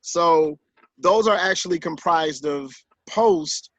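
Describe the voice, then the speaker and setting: A man in his forties, a guest author in a casual conversation, telling stories and acting out quotes in higher voices. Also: slow pace, dry recording. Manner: animated storyteller who acts out quotes in higher voices. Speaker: author and guest on a talk show.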